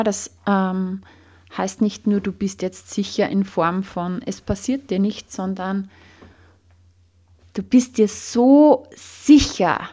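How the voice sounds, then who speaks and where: A woman coach, leading a guided body-posture exercise with slow, calm questions. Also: mid-range voice.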